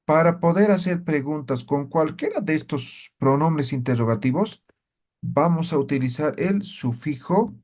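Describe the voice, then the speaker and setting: Slow, patient male language teacher. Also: fairly high pitch, lively intonation, a little mellow. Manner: slow, patient, checks understanding with tag questions. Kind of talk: online language lesson.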